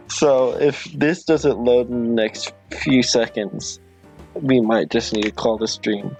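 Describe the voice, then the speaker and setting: A man hosting a livestream, chatting casually with viewers in a halting, apologetic, rambling way. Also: medium pitch, steady tone, darkish tone, soft background music. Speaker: livestream host.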